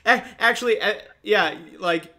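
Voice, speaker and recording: A man's voice: high voice, unhurried, pushed and bright. A man running a tabletop game as game master, chatty and often breaking into laughter.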